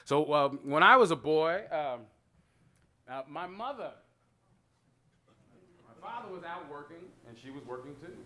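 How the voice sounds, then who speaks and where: A man in his thirties talking casually about his artwork, animated and digressive, often quoting voices as he tells stories. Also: on the high side, unhurried, long pauses. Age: 30s. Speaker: artist talking about his own work. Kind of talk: gallery talk, casual storytelling.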